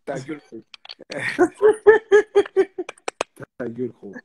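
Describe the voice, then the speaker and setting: A young man chatting casually as a guest, telling a story in animated street slang and repeating himself for emphasis. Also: high voice, brisk. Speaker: guest, basketball player.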